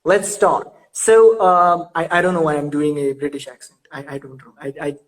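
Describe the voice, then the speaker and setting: A man's voice: a little high, steady tone, fast, poor audio. A young man hosting a casual interview over a video call, laughing often and stumbling over repeated words. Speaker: host.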